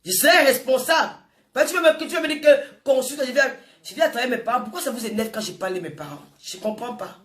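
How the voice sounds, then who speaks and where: Speaking quickly in a slightly high, expressive voice, a woman in her forties with a Francophone African accent addresses her social media viewers. Her informal monologue is passionate and scolding, with phrases repeated for emphasis, and the distant microphone picks up an echoey room.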